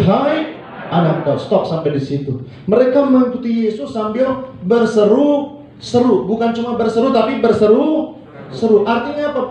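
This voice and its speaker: A man's voice: high voice, warm tone, dull audio. A male pastor preaching a sermon in a church hall, leading the congregation in call-and-response and acting out the people he quotes. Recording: echoey hall, mic from far off.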